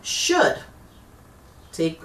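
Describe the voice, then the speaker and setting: A woman's voice: drawn-out words, a bit bright. A woman hosting a TV talk show, asking chatty questions and praising her guest. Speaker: TV host and MC. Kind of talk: interview host. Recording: echoey room, far from the mic.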